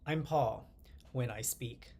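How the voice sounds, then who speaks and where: A man in his forties from the United States, speaking to the camera in a measured, earnest personal monologue as the channel's host. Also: medium pitch, warm tone. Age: 40s. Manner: earnest, measured delivery in short phrases, glancing at notes.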